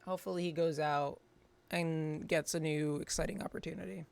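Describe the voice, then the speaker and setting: A woman hosts a morning-show game stream, chatting casually and rambling while reading game dialogue aloud. Her voice is deep and gravelly, with a steady tone and moderate pace, and background music plays behind her.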